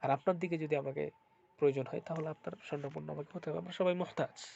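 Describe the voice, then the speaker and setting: A man's voice: fairly high pitch, steady tone, fast, creaky, a little mellow. A man with a cold-blocked, congested nose, giving an informal religious talk as a spiritual healer, often repeating his phrases and asking rhetorical questions. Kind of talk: informal religious talk to viewers, with Quran recitation. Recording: dull, lo-fi sound.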